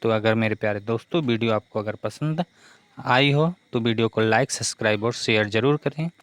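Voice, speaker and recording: A man's voice: fairly low pitch, brisk. A man teaching a grammar lesson for exam preparation who keeps asking questions and answering them himself.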